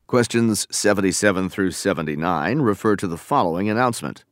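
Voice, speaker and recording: A male test narrator with a lowish voice and lively intonation. He reads exam instructions formally and deliberately in a very dry recording. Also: no room sound.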